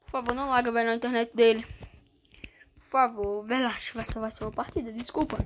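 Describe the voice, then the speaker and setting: A woman with a Brazilian Portuguese accent giving excitable gameplay commentary, often breaking into panicked exclamations. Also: fairly high pitch, very fast, noisy background. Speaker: gamer streamer.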